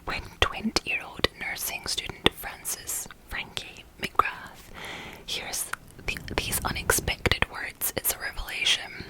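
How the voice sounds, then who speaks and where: Whispering softly without voicing, a woman unhurriedly talks books and reads aloud in a laid-back ASMR style. It's a rough recording.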